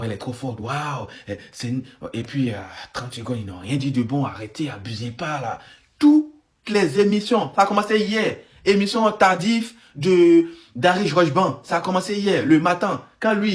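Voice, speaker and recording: A man giving casual, sarcastic commentary on the news, rambling with frequent restarts. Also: mid-range voice. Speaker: online commentator.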